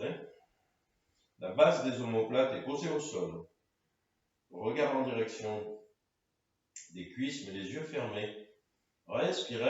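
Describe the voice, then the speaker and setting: A man leading a guided floor-exercise session, giving calm, directive cues in short phrases. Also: medium pitch. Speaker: karate and fitness instructor. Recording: echoey room, distant mic, dull sound.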